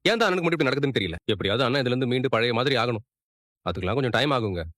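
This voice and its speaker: A man's voice: medium pitch, lively intonation, very fast, fairly bright tone, no echo, studio quality, natural voice. An actor playing a worried family man who speaks in a frustrated but supportive way. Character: worried family man discussing his elder brother.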